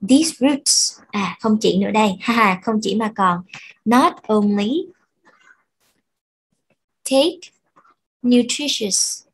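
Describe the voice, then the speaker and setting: Woman teacher, slow and patient, breathy voice, repeats words to drill pronunciation. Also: on the high side, animated, poor audio. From Vietnam. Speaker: English teacher. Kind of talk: bilingual language lesson.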